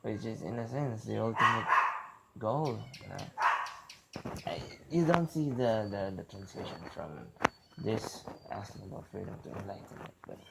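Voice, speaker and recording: Guy w a really gravelly lowish voice doing a casual philosophy rant, keeps restarting himself, noisy recording. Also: expressive. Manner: halting, repetitive, self-interrupting. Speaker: vlogger.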